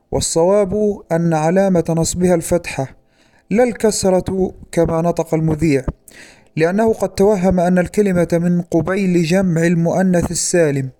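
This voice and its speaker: Mellow, slightly high-voiced male lecturer. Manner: measured, slows down to pronounce example words carefully. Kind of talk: formal academic lecture.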